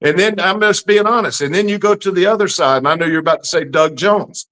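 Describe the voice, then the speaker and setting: Speaking fast in a high-pitched, slightly bright voice, a man in his fifties with an Alabama Southern accent responds to an interviewer as a political candidate. He's from Alabama, United States, and his answers are folksy, plain-spoken and emphatic.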